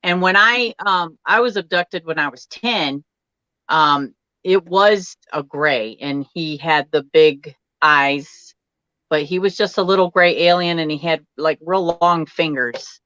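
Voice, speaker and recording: A woman guest in a casual live-stream chat, eager and quick to chime in with agreement. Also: sits low, pushed and bright, no room sound, muffled recording. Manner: eager, frequent agreeing interjections.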